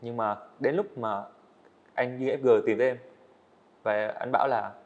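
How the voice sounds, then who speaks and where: Here the eighteen-year-old guest animator talks at a moderate pace, his mid-range voice a little mellow and fairly even. Candid and earnest, he restarts hesitantly while telling his story on a podcast, recorded with dull lo-fi sound in an indoor studio.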